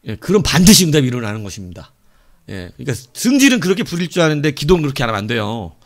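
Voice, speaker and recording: A male pastor preaching a sermon, telling a story with animated swings between loud outbursts and soft asides. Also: medium pitch, racing.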